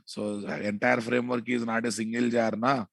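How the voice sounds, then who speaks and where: A programming instructor with a Telugu Indian accent gives an informal technical lecture, repeating points, making casual asides, and often checking that listeners follow. His mid-range voice is level and fairly bright with vocal fry, at normal speed, recorded without echo.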